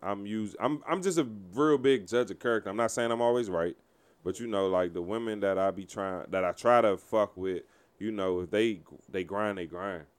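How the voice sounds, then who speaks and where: A man in his thirties with a smooth, resonant voice that sits fairly low. He talks frankly and with emphasis, swearing freely in a relaxed podcast conversation. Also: moderate pace. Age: 30s. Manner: candid, profane, emphatic, trailing filler phrases. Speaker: podcast co-host and DJ. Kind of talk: casual podcast chat.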